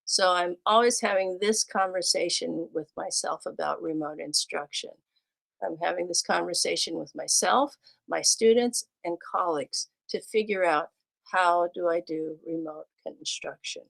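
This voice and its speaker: A woman's voice: lowish voice, unhurried, gravelly, poor audio. A woman who teaches second grade, telling personal classroom stories in a livestreamed talk and acting out her exchanges with students. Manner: acts out classroom scenes with her students, lively and animated.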